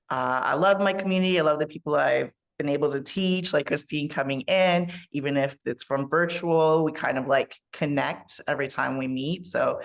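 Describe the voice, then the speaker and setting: A woman coach speaking as a podcast guest, measured and reflective, pausing often with fillers. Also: deep voice, creaky. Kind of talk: casual interview conversation.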